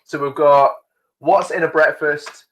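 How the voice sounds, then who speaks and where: A man's voice: on the high side, fairly even intonation, measured pace, a bit bright, a little hiss or hum, low-quality recording. Man, youth quiz host, rambling chatty delivery, home computer mic. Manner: chatty, rambling explanations with frequent laughs. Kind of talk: casual online quiz hosting.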